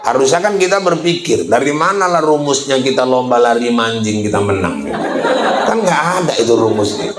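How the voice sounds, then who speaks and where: A man's voice: medium pitch, expressive, normal speed, reverberant, poor audio. A man preaching a humorous sermon, telling folksy stories with playful comic voices. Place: school event hall.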